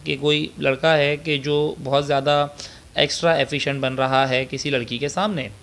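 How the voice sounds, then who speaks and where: A man with a Pakistani accent teaching a slide lecture on figures of speech, talking slowly and hesitantly with many filler pauses and switching between Urdu and English. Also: a little high, vocal fry.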